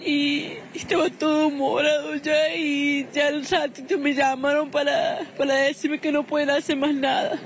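A woman's voice: high-pitched, little pitch movement, measured pace, hardly any pauses. A distressed, tearful woman in her thirties with an Argentine accent, interviewed on the street outside a house. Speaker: bereaved mother being interviewed. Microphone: handheld news microphone. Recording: noisy outdoor street recording.

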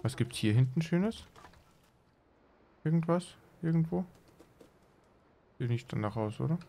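A man's voice: on the high side, expressive, a little slow, vocal fry, mellow, slight background noise. A man giving casual let's play commentary and joking asides while playing a video game. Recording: game music playing behind.

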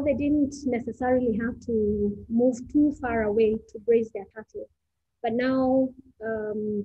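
A female architect from Kenya presenting a talk, unhurried, pausing often with "um". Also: a little high, dark tone, husky, no echo. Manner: unhurried, with many "um" pauses. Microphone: video call. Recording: dull, dry video call audio.

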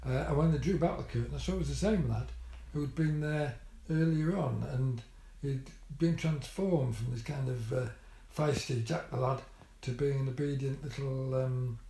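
A man's voice: mid-range voice, steady tone, moderate pace, mellow. An older man telling a story about his hospital visit in a casual vlog, with dry, wry humour and many ums and restarts. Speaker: vlogger. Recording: echoey room.

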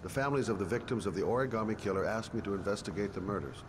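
A man voicing a private detective in a video game, gently persuasive as he questions a witness. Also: lowish voice, racing, a crowd in the background, natural voice. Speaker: game character. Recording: game audio with clear background noise.

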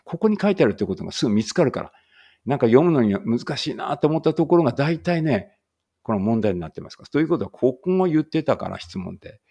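A man teaching a casual English read-aloud lesson, chatty and correcting himself as he goes, reading English sentences slowly. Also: mid-range voice, gravelly, dark tone, breathy edge.

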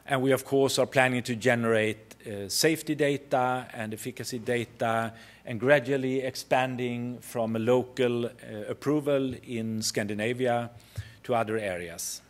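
A middle-aged man with a Swedish accent gives a company pitch at a conference podium, speaking haltingly with frequent pauses. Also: fairly even intonation. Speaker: company chief executive presenting. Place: conference hall stage at a podium.

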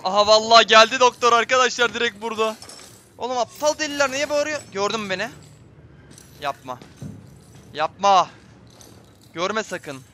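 A man's voice: very high voice, quick pace, pushed and bright, slight background noise. A man giving tense, jumpy live commentary on a horror game, talking straight to his viewers. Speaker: gameplay streamer.

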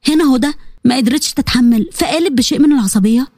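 A woman with an Egyptian accent narrating a dramatic family story in a brisk way. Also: high-pitched, mellow, no room sound, studio quality.

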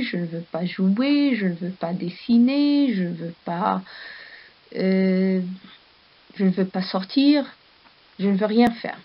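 A woman teaching a primary class, reading a story aloud and patiently asking the children questions and praising their answers. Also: medium pitch. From Morocco. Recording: dull lo-fi recording.

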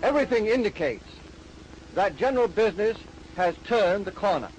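A man's voice: sits high, animated, moderate pace, darkish tone, lo-fi sound, soft background music. A man making an emphatic, declamatory forecast as an economist, heard in an old newsreel recording. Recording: distant old newsreel sound with faint noise.

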